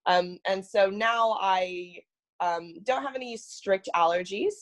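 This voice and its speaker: A woman's voice: medium pitch, slow pace. A young woman from Singapore, a podcast guest, telling her story in a thoughtful, casual way. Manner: thoughtful, many fillers and restarts.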